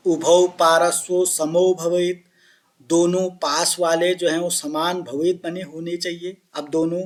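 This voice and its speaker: Male Sanskrit teacher, light high voice, measured unhurried delivery, drills words by repetition, quizzes the class. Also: flat delivery. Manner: repeats and chants Sanskrit words slowly, asks pupils questions; addresses listeners as children. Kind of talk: classroom explanation of Sanskrit phonetics.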